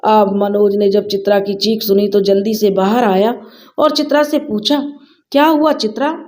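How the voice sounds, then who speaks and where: A woman telling a family drama story in steady, dramatic narration. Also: medium pitch, moderate pace.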